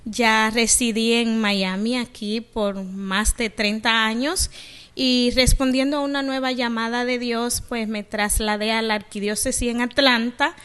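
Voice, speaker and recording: A woman's voice: a little high, steady tone, a little slow, a bit bright, clear, resonant tone. A middle-aged woman from the Dominican Republic, a guest on a radio show, earnestly telling her life story. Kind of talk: radio interview, personal testimony.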